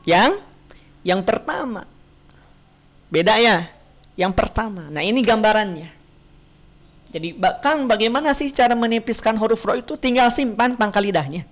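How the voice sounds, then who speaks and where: Woman, Quran recitation tutor, slow careful pace, patient, asks students questions, video call class. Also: medium pitch. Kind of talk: online Quran reading class.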